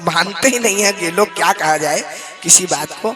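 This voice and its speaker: This is a live devotional sermon in a hall full of seated listeners, with music playing beneath a man's high voice. He alternates between addressing the audience with questions and slowly, melodically chanting Sanskrit verses.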